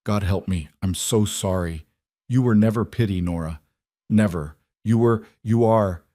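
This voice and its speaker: A man playing a rough, gruff frontier farmer in a storybook narration, speaking earnestly. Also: lowish voice, measured pace, dark tone, no echo, clean studio sound, lightly acted. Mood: desperate pleading.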